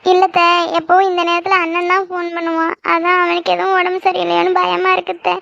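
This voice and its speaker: A worried schoolgirl pleads anxiously in a cartoon, voiced by a woman. Her voice is high and hurried. The recording is dry. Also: completely flat delivery, gravelly, a bit bright, no room sound, lo-fi sound, heavily acted.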